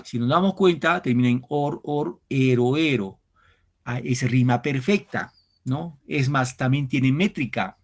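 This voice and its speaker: A man teaches an online class at an ordinary, middle pitch. He takes his students through each step, counts things out loud, and keeps checking that they follow. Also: a little slow. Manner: explains step by step, counting syllables aloud and asking his students. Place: home setup for an online class.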